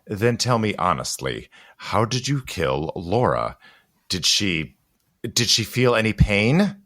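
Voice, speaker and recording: A man performs a deep-voiced, guarded gentleman for an audio drama, stern and protective, with wide pitch swings and pauses placed for dramatic weight. His exaggerated delivery feels intense and urgent, suspicious in mood, like someone guarding dangerous secrets.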